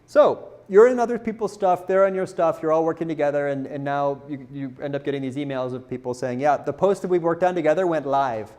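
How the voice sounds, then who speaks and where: His voice is on the high side with a darkish tone, and he talks fairly quickly with few pauses. He's a content marketer presenting at a conference, informal and candid, poking fun at himself and questioning the audience.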